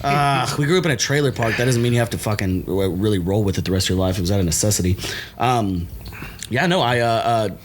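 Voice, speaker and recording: A man's voice: fairly low pitch, fast. Crude joking man, noisy recording. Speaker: guest comedian. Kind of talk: casual podcast chat.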